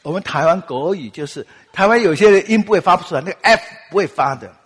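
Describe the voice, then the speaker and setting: Lively Taiwanese-accented man preaching. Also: high-pitched, fast, slightly rough, in a large hall. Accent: Taiwanese Mandarin. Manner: animated, acts out quotes with laughs. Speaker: pastor. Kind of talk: sermon with storytelling.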